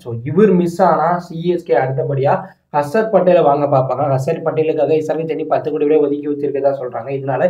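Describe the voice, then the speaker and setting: A man's voice: fairly high pitch, steady tone, fairly quick, dark tone. A man with a Tamil accent narrating a cricket channel voice-over, steadily listing teams and prices in an explanatory way. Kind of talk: voice-over on auction predictions. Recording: roomy, dull lo-fi voice-over.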